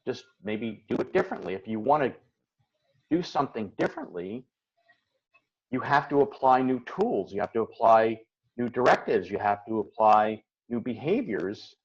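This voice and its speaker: Gravelly, husky man coaching on a call. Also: medium pitch, a little mellow, dull audio. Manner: earnest, reflective, acts out his own inner voice. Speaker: host and coach. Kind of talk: casual motivational talk on a call.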